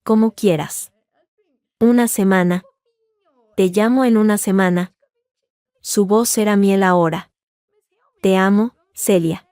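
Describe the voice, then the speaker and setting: A man's voice: high voice, fairly even intonation, takes it slowly, pauses often, darkish tone, smooth, dry recording, clean studio sound. A woman voicing a manipulative husband who pleads in a honeyed tone in a read-aloud story. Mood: pleading. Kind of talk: scripted narration.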